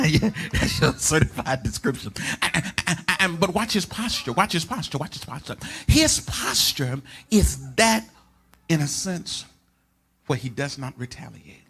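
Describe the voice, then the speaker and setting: A male pastor, preaching a sermon in a church in a sing-song cadence that builds into shouted, chanted lines, repeating phrases for the congregation to answer. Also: fairly high pitch, expressive, normal speed, creaky. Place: church sanctuary.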